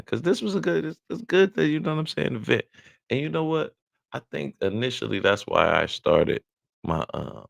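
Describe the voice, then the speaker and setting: A man's voice: sits low, gravelly, no room sound. A middle-aged man talking casually on his own live stream, rambling and interrupting himself with laughs as he sets up his sound.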